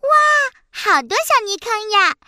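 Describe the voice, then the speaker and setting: Tiny sweet critter, very squeaky and bright, eager and delighted. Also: female voice, sing-song, unhurried, dry recording, clean studio sound, full character voice. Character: tiny cheerful fish and bunny, sweet and eager.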